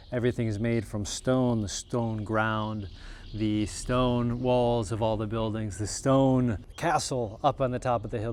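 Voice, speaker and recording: A man's voice: medium pitch, darkish tone, slight background noise. A man vlogging casually outdoors in the hills, talking enthusiastically like a tour guide with some fillers. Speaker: travel and real estate vlogger. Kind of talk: casual travel vlog narration. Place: outdoors in hilly countryside.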